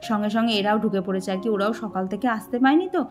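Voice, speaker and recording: A woman's voice: medium pitch, racing. A young woman, chatting casually to her viewers in a vlog voice-over. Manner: chatty, addresses viewers warmly as "dear". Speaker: vlogger.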